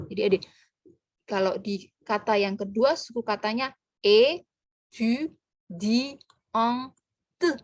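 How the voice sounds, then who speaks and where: Slow, patient woman teaching pronunciation. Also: mid-range voice, no room sound. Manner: patient, drills pronunciation syllable by syllable. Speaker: French teacher. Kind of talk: online language lesson.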